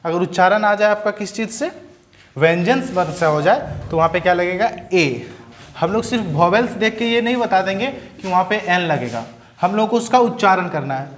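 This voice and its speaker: A young man teaching a grammar lesson, who asks questions and answers them himself and sounds words out slowly. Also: sits high, animated, a little hiss or hum. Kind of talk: Hindi-medium English grammar lesson.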